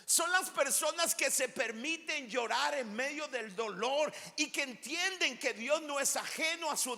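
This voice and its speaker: A man delivers a sermon from the pulpit in a high, bright voice. He speaks slowly and deliberately, drawing out key words and rising into shouts. His voice trails off into the long echo of a large church hall. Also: gravelly. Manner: emphatic preaching with slow drawn-out phrases and sudden shouts. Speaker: pastor.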